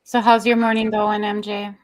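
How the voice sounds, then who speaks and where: This is a woman hosting a relaxed live stream. She chats easily, laughs a lot, and greets her viewers by name as they come in. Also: mid-range voice, normal speed. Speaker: livestream host. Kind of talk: casual live-stream chat.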